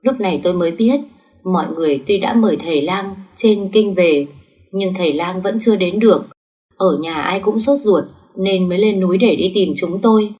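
A woman's voice: on the low side, moderate pace, warm tone, far from the mic. A woman narrating a story in the first person, reading the dialogue with small shifts of voice.

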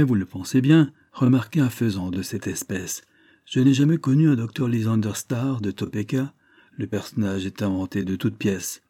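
A man's voice: lowish voice, dark tone, no room sound, close to an everyday voice. A man reading the part of a shrewd, sardonic male detective who talks in a dry, probing, lightly ironic way.

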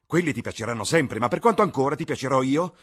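A man's voice: medium pitch, sing-song, normal speed, husky, pitched above the performer's own voice. A man voicing a vain, desperate young man terrified of growing old, speaking in a strained, impassioned way. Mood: anguished.

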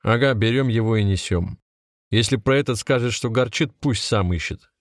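A man voicing a hot-tempered young city tough who shouts crude threats, in a storybook reading. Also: mid-range voice, moderate pace, no echo, studio quality, natural voice. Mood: impatient.

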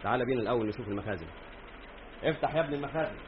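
An actor with an Egyptian Arabic accent playing an elder brother who runs a workshop in a radio drama, giving orders brusquely. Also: male voice, medium pitch, rapid-fire, natural voice. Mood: commanding. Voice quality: commanding, brusque. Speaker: workshop owner. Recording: dull lo-fi radio recording with faint noise.

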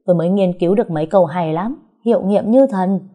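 A woman's voice: fairly low pitch, a little fast, close to an everyday voice. A woman putting on a brash, bossy young wife. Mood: smug. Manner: loud, bossy, fake chanting.

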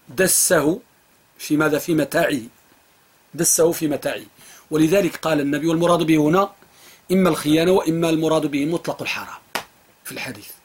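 A man's voice: fairly high pitch, a bit bright, slightly rough. A man teaching a classroom jurisprudence lesson, repeating phrases and quizzing his students. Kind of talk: classroom lesson with drilling questions.

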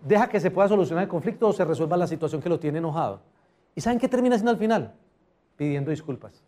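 A motivational speaker races through his talk at a live customer service seminar, his voice pitched slightly above the typical male range. Animated throughout, he repeatedly quizzes the audience.

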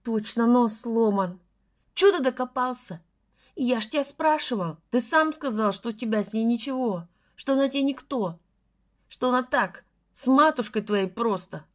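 A beaten, cowardly young man whines and snivels in a nasal voice, read out by a woman. He complains rather than fights. It is storybook dialogue, pitched on the high side for a man. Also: animated, normal speed, close to an everyday voice. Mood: whining. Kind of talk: audiobook dialogue.

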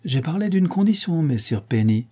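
A man voicing a proud, cold widowed marquise in an audiobook, speaking curtly and imperiously, raised well above his own voice, with a dark, husky tone. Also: on the high side, sing-song, moderate pace, voice pushed up. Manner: curt and imperious. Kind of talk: audiobook character reading.

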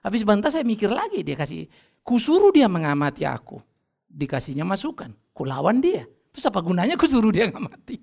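Gravelly, animated pastor. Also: male voice, high voice, a little fast. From North Sumatra, Indonesia. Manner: lively storytelling, acting out family dialogues with humor. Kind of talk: sermon.

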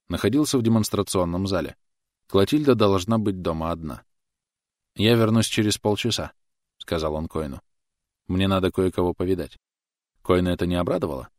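A man narrating an audiobook in a measured, even reading voice. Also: sits low, no echo, studio quality. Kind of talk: scripted narration.

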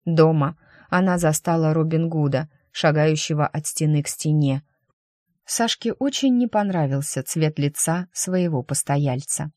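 A narrator reading a story aloud in an even, steady audiobook style. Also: medium pitch, measured pace, no room sound, clean studio sound.

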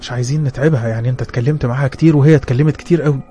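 A man with an Egyptian accent playing a calm, dismissive hospital doctor who speaks quietly and matter-of-factly. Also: mid-range voice, very fast, soft background music, natural voice.

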